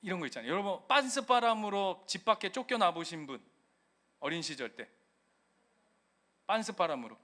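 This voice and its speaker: A middle-aged male pastor delivers a lively sermon in a high, bright voice. His pitch leaps and dips with animation, and he keeps breaking into playful acted-out quotes of a child and a parent. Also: moderate pace, long pauses.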